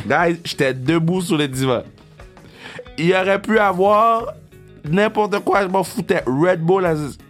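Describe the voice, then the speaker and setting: A man in his thirties with a Québécois French accent tells a loose, rambling story straight to the camera. He gets worked up fast, swears freely and drops English words into his French. His voice sits at an ordinary middle pitch, with faint guitar music behind him. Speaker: vlogger. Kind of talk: casual storytelling monologue.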